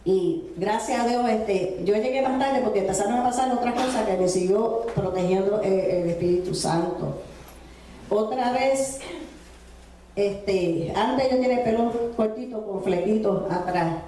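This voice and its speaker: A woman's voice: medium pitch, a little slow, warm tone, recorded from a distance, slight background noise. Woman preacher in an echoey church. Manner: storytelling with many fillers and tag questions. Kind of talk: sermon testimony.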